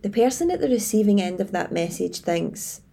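Woman advice presenter, soft-edged creaky husky voice. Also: mid-range voice, animated, moderate pace. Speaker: leadership coach and presenter. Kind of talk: scripted advice presentation to camera.

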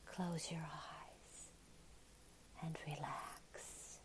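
Woman, ASMR relaxation guide: low, very slow soft whisper, soothing. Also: level tone, low-quality recording.

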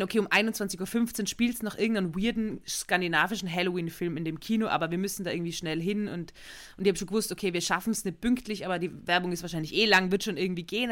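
A woman, co-hosting a casual podcast and telling an animated anecdote full of slang and swearing. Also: mid-range voice. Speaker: podcast co-host.

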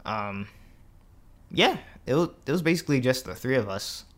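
A young man recounting his own story in a relaxed, chatty interview. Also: medium pitch, normal speed. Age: young adult. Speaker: interview guest. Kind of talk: casual interview.

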